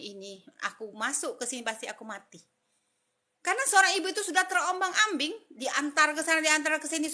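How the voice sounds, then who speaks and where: Lively high-pitched Indonesian woman storyteller. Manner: lively, acts out the voices in her story. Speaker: storyteller recounting her pilgrimage. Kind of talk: personal storytelling.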